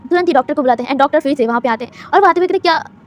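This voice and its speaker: A woman's voice: sits high, very fast, faint music behind. A woman narrating a fan-fiction story in a conversational way, with fillers and English words mixed in.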